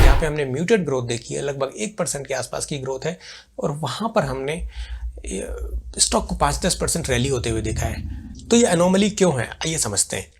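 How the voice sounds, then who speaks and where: A man with a somewhat high-pitched voice delivers a weekly stock market analysis. He explains conversationally and pauses to think aloud. He uses simple everyday comparisons to make his points.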